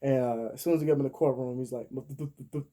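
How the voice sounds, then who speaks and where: A man in his thirties tells a story casually, swears a lot and laughs between lines. His voice is very dark and mellow, at a middle pitch. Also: steady tone, racing. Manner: profane, laughs often, acts out the people he quotes. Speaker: vlogger.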